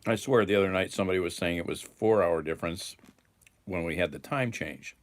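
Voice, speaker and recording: A man hosting a casual live chat, rambling and musing aloud with soft chuckles. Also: low-pitched, a little fast. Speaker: livestream host.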